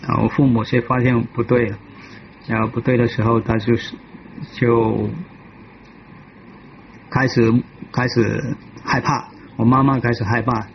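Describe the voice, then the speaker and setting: A man giving a personal testimony in a halting way, often restarting and repeating himself. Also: medium pitch, little pitch movement, vocal fry, lo-fi sound, a little hiss or hum. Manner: halting, with many restarts and repetitions. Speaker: devotee telling his life story.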